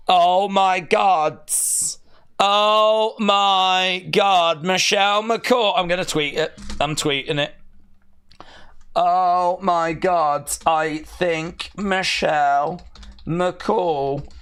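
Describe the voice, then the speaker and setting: A man hosts a casual wrestling watch-along live stream, reading viewer chat messages aloud and playfully teasing the senders. His voice sits high with a fairly bright tone.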